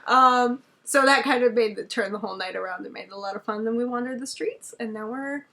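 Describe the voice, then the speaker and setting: A young woman in a casual travel vlog, chatty and excitable, packing her talk with "like" fillers as she recaps her day from a hotel room. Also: a little high, fast. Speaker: travel vlogger.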